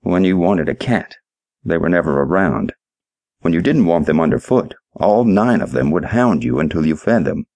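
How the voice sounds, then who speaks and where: A man narrating a short story in an audiobook, reading in a measured storytelling manner. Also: sits low, lively intonation, a little mellow, dry recording. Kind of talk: scripted narration.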